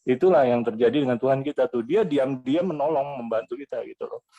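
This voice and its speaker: Man with a mid-range voice hosting a call-in talk, relaxed and reassuring. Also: mid-range voice, fairly quick, phone-quality sound. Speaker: host. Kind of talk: casual talk moderating callers.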